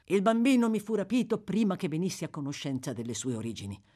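Stern elderly gentleman, voiced by a woman reader; deliberate, accusing, expressive intonation. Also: lowish voice, voice pushed up. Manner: measured, accusing, firmly deliberate.

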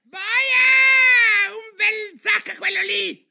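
A man voicing a furious, tyrannical queen who shrieks and yells orders, reading a storybook aloud. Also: very animated, measured pace, background noise. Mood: raging. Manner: shrill, yelling orders.

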